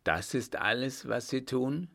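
A man's voice: mid-range voice, lively intonation, a little slow, vocal fry, pushed and bright, voice pushed up, full character voice. A man voicing a stern, imperious emperor in an audiobook, snapping out short, clipped questions. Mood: curt, demanding. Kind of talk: audiobook character voice.

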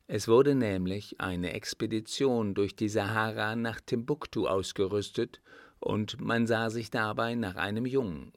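A man narrating an old novel as an audiobook, measured and even. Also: fairly low pitch, dry recording, studio quality. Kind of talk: scripted narration of a classic novel.

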